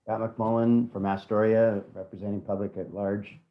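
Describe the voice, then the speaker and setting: Very deep-voiced man on a group video call. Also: level tone, moderate pace. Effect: voice heard through an online group video call. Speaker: public-at-large member of a working group. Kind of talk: brief self-introduction in a meeting. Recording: dull lo-fi video call audio.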